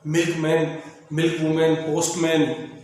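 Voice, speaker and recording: A man's voice: a little high, completely flat delivery, a little slow, a little mellow. A male teacher explaining a grammar lesson, often repeating himself and spelling words out letter by letter. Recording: very echoey room with faint ambient noise.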